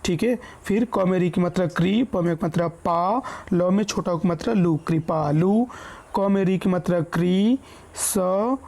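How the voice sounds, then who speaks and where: A woman teaching a reading lesson, slowly spelling out words syllable by syllable in a patient way. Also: fairly low pitch, creaky, a little mellow. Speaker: Hindi teacher.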